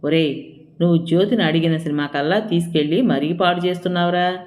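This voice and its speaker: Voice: medium pitch, brisk, a little mellow, natural voice. A narrator doing an aggrieved husband in an audio story, scolding and sarcastic, grumbling complaints at his wife. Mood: irritated. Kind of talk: audiobook role reading.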